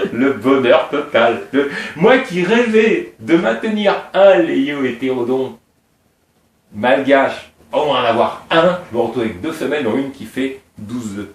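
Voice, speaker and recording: In a mid-range voice with slight background noise, a middle-aged snake breeder from Réunion Island chats at length about his animals. He is talkative, digressive and heavy on detail, and the sound is roomy, picked up from a distance.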